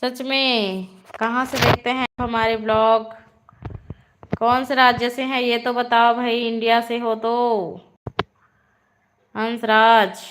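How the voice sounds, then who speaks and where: Slow-talking woman vlogger. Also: fairly high pitch, background noise. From Chhattisgarh, India. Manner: greets viewers by name and asks where they are from. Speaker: live-stream vlogger host. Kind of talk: casual live chat.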